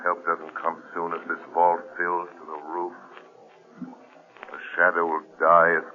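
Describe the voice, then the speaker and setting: An actor playing a grim, commanding crime-fighting vigilante, with stern, theatrical 1940s radio delivery. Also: male voice, deep voice, completely flat delivery, a little slow. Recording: scratchy, tinny old radio broadcast.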